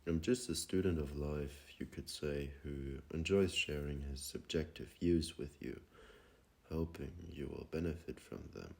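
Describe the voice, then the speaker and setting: A man with a rumbling low, gravelly voice leads a guided meditation, gentle and unhurried, leaving long pauses between phrases.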